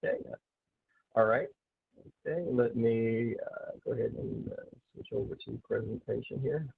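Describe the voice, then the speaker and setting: A man giving a software webinar as a systems consultant, halting with many filler sounds, his voice heard through a recorded online meeting. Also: medium pitch, creaky, breathy edge, no echo. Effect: voice heard through a recorded online meeting's screen-share session. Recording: tinny, dry online-call audio.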